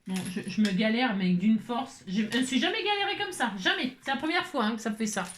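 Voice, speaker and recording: A woman's voice: a little high, expressive, fast talker. Chatty exasperated French craft host woman. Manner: chatty, exasperated, keeps adding "hein". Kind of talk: casual crafting tutorial. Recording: echoey room, faint noise.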